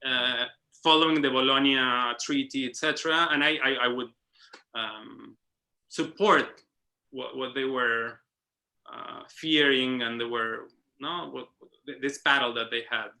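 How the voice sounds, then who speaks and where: This man's voice sits at medium pitch, with fairly even intonation and a gravelly, bright, forceful tone, and he speaks unhurriedly. As a guest on an online academic round-table call, he reasons out loud haltingly, restarting frequently and adding a questioning "no?"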